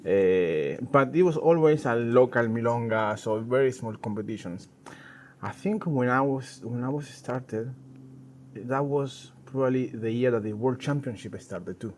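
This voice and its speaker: This medium-pitched, darkish voice belongs to a middle-aged Argentine man who dances and teaches tango professionally. A native Spanish speaker, he chats casually and with hesitation as an interview guest outdoors in a noisy garden.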